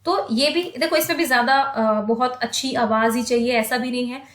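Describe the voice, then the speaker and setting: A woman demonstrating how to teach children's poems, singing them slowly and then explaining in quick conversational talk. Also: a little high, echoey room. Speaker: teacher trainer. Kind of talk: demo poem teaching, sung and recited.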